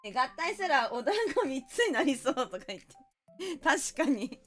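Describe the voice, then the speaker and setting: A woman's voice: sits high, big pitch swings, moderate pace, fairly bright tone, faint music behind. A woman streamer chatting casually while playing a party game, playful and teasing with mock-indignant outbursts.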